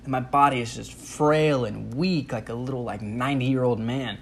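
A man's voice: mid-range voice, steady tone, normal speed, vocal fry. A young man with an ordinary mid-range voice tells a comic personal story in a loose, casual way. He pokes fun at himself and acts out his own reactions. Faint ambient noise sits behind him.

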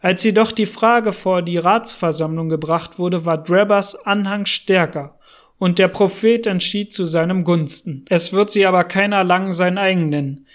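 A man's voice: sits high, moderate pace, lightly acted. A man doing a frightened old settler. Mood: anxious. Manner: urgent, anxious speech.

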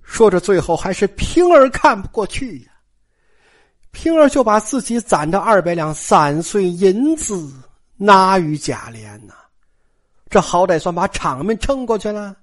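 Colloquial storyteller, very expressive pitch, chatty asides. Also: measured pace. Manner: animated, colloquial, asides to listeners. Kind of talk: traditional oral storytelling.

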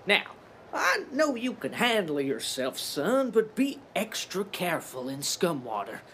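A fatherly old barkeep with a gravelly, slow, folksy drawl, as a man acts him out. His pitch leaps and dips widely as he talks, and a faint ambient hiss sits behind him. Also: huge pitch swings, fairly bright tone, exaggerated voice. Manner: drawling, homespun sayings. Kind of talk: audio drama acting.

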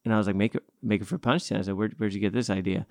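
A man's voice: lowish voice, steady tone, very fast, gravelly. A man hosting a casual faith conversation, easygoing and affirming, telling anecdotes about his son.

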